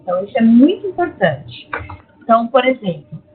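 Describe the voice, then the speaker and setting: A woman's voice: on the high side, very animated, brisk, slightly rough. A woman with a Brazilian Portuguese accent explaining Greek grammar in an online lecture, often checking in with "tá?". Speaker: Greek teacher. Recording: tinny lo-fi online class audio.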